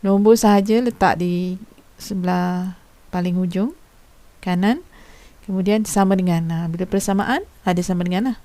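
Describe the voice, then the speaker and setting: A woman's voice: fairly low pitch, moderate pace, mellow, dry recording. A woman teacher giving a recorded lesson, explaining patiently in an informal manner and asking her students questions. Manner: informal teacher's speech with frequent fillers.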